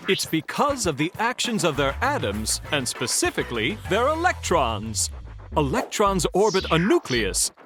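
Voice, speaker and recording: A man's voice: a little high, fairly bright tone, full character voice. A man voicing an earnest, nerdy male moose scientist who lectures eagerly and laughs nervously in a cartoon. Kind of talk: cartoon voice acting.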